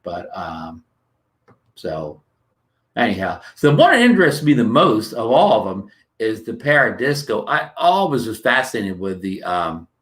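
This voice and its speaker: Casual livestream host, male, lowish voice, rambling with lots of ums and restarts, greets chat by name, dry throat. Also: sing-song, normal speed, a bit bright. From New Jersey. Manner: rambling, many fillers and restarts, greets viewers.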